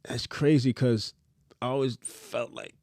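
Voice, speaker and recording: A man in his thirties from Trinidad, a fashion designer telling his story in a relaxed, candid, slangy podcast chat. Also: mid-range voice, measured pace, no room sound, studio quality. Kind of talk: casual interview chat.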